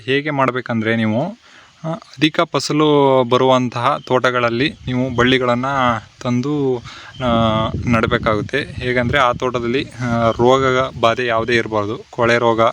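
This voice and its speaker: A man's voice: medium pitch, a little hiss or hum. A man from Karnataka hosting a farming channel, talking loosely through plantation tips with fillers and restarts, outdoors on a plantation. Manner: unscripted, many fillers and restarts. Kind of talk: casual farming how-to talk.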